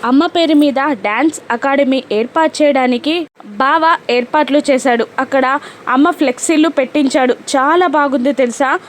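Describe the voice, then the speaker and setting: A woman's voice: high voice, slight background noise, close to an everyday voice. A woman reading as an eager, chattering young woman. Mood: excited. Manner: excited, rushed.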